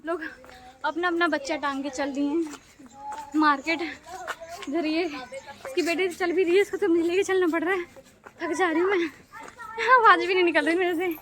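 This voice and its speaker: A woman's voice: very high voice, fairly even intonation, normal speed, pauses often, fairly bright tone. A young woman chatting casually in her vlog, teasing and laughing often, recorded on a phone. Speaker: vlogger.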